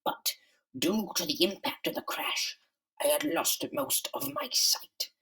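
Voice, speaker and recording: A man voicing a bitter, megalomaniac underground comic-book villain in a slow, theatrical, menacing monologue with a whispery rasp. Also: very high-pitched, sing-song, bright, forceful tone, recorded from a distance, voice pushed up, exaggerated voice. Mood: brooding. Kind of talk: dramatic comic-book reading.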